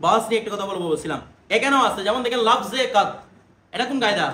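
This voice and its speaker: A man's voice: high voice, expressive, fast talker, pushed and bright. A man teaching a class, drilling pronunciation and quizzing his students. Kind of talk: classroom lesson. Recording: echoey room with background noise.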